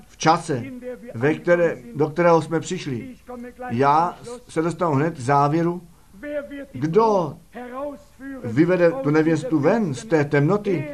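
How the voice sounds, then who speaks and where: A man preaching a sermon fervently, firing rhetorical questions at the congregation. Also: on the high side.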